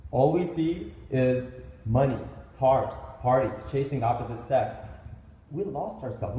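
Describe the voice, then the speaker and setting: A man in his late twenties giving an animated, joking motivational speech to a crowd at a business event. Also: medium pitch, a little hiss or hum. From Indian heritage. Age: late 20s. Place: large indoor event hall. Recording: echoey event hall, dull sound.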